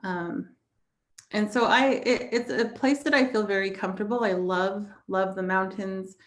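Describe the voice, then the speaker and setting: An American woman in her forties from the Navajo Nation in the southwestern United States speaks as a panelist, reflecting on personal experience. Her voice is medium-pitched and steady, at a normal speed.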